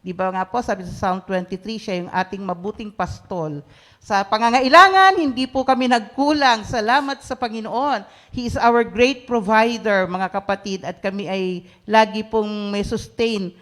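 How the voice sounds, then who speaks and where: A woman's voice: medium pitch, moderate pace, a bit bright. A woman giving an earnest, devout testimony at a prayer meeting, speaking politely. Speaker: church member giving testimony.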